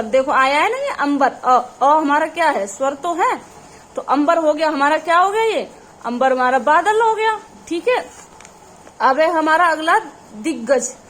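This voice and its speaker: Female teacher, high pitch, quizzes the class and answers herself, light background hiss. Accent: Hindi. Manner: calls the audience "children", asks questions and answers them herself. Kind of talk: exam-prep grammar lesson.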